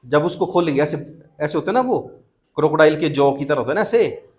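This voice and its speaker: High-voiced man teaching a classroom. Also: lively intonation, fairly quick. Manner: questioning, coaxing students to answer. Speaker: school math teacher. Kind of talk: classroom teaching, mixing Hindi and English.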